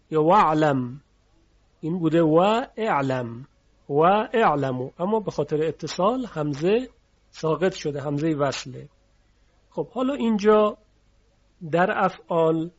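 A man teaching a lesson on reading rules, patiently repeating each example word slowly. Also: fairly high pitch, dull audio.

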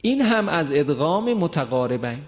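A man's voice: a little high, big pitch swings, big-room sound. A man teaching an introductory class on Quran recitation rules, explaining step by step and asking questions he then answers himself.

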